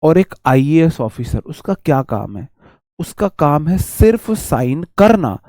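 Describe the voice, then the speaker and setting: A man giving a casual online vocabulary lesson, repeating key phrases and leaning on everyday examples. His voice sits a little high for a man yet sounds dark and mellow. The recording is dry and close, with no room sound. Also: very animated, unhurried, no room sound. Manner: addresses viewers as "my brother". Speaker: vocabulary teacher. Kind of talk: online exam-prep class.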